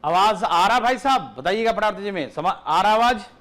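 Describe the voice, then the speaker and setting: A man's voice: high voice, lively intonation, normal speed, fairly bright tone. A man teaching an online class, repeating himself and checking again and again that students can hear him. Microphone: phone mic, battery ran out mid-class.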